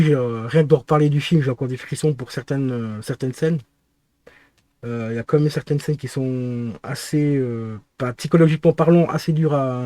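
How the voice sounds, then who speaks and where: A man talking casually to camera about his DVD collection in a relaxed, slangy way. His voice sits a little high but sounds mellow and dark, with a dry, close sound. He hesitates a lot and keeps correcting himself. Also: no echo. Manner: hesitant, many fillers and self-corrections; relaxed, chatty, uses slang. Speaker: film collector and channel host.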